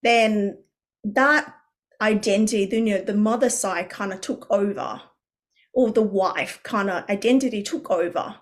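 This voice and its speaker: A woman from Vietnam appears as a coach on a podcast interview, speaking in a mid-range voice at an unhurried pace. She's earnest and reflective, with many fillers and restarts.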